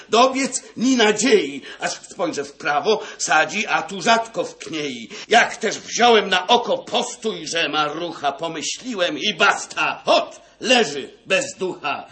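A man plays a proud, excitable notary insisting he shot the bear. The voice is bright and sharp, leaping up in pitch. He tells it breathlessly, with short laughs. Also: heavily acted. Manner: breathless, boastful storytelling. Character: excitable male notary, a proud nobleman hunter.

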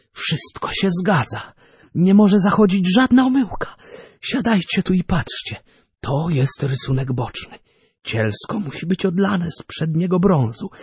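Brief: a man playing an obsessive inventor, shrill and feverish, husky edge, storybook reading. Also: darkish tone, dry recording, full character voice. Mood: proud. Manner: feverish, exclamatory. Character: excited obsessive male cannon inventor.

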